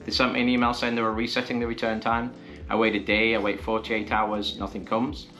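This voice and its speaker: A man's voice: lowish voice, monotone, brisk, pushed and bright, faint music behind. A man vlogging, telling a frustrating story in a casual, exasperated way and acting out both sides of his phone calls.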